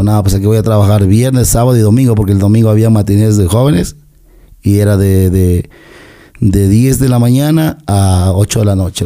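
A man's voice: lowish voice, warm tone. A middle-aged man from Latin America, a podcast guest telling stories in casual chat and acting out the quoted lines. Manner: chatty, acts out quoted dialogue. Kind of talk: casual storytelling.

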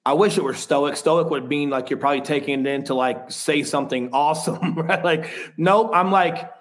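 A man's voice: a little high, normal speed. A man in his thirties, a podcast guest, telling a personal story in a frank, rambling way with casual swearing.

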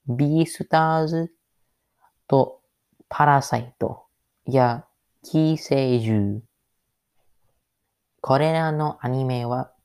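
Very slow-talking man, halting learner's speech. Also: a little high, a little mellow, clear, resonant tone. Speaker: podcast host. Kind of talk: solo podcast monologue.

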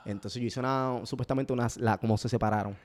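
A man speaking as a guest in a casual conversation. He talks at a rapid clip and tells his stories with animated energy, often restarting his sentences in quick bursts. His pitch sits in a middle range. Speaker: guest, parody video creator.

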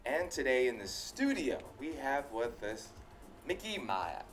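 A man's voice: mid-range voice, big pitch swings, measured pace, soft background music. A man hosting a casual studio interview, talking conversationally in short bursts. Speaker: talk show host, interviewer.

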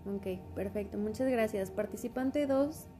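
A woman hosting and presenting a scripted educational talk, speaking clearly and instructively to young viewers. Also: medium pitch, a little slow, over music. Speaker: host.

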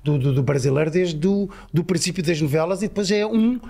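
A man with a European Portuguese accent, co-hosting a podcast. His voice sits a little high, and he ribs his co-host in casual, bantering talk. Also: fairly quick, creaky, mellow. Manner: bantering, ribbing. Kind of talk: casual chat.

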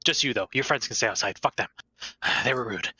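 A man's voice: mid-range voice, brisk, pushed and bright. A man voicing a crude, grumpy old man past a hundred who curses, grunts and stammers. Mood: grudging. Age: older. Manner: cursing, gruff, stammering grunts.

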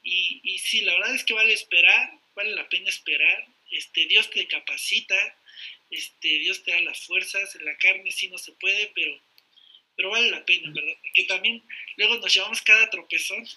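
A man's voice: high-pitched, normal speed, slightly rough, rough recording. A man, a podcast guest talking casually about faith and love, telling stories with jokey asides. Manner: animated storyteller, jokey asides.

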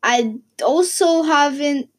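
A woman's voice: sits high, slow, poor audio. Rambling teen girl vlogger. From Portugal. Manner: rambling, many fillers and restarts. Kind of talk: casual chat.

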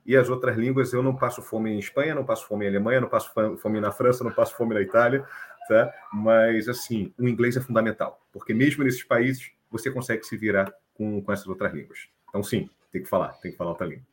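A man's voice: lowish voice, fast talker, slight background noise. A man from Brazil, a guest explaining things in a casual live-stream chat and laughing often.

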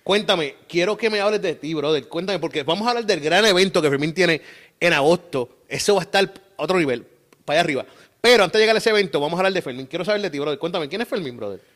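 A man's voice: on the high side, lively intonation, fast talker, fairly bright tone. A man with a Puerto Rican accent hosting a casual podcast interview, hyped and playful, full of slang. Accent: Puerto Rican Spanish. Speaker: podcast host.

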